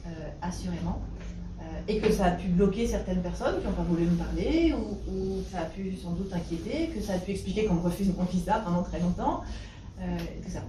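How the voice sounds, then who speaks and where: A French woman, a historian and university lecturer, answers questions conversationally in a meeting room, thoughtful and full of hesitations and restarts. Her voice is fairly low, lively in intonation, and a little fast, heard from a distance with roomy echo and a noisy room.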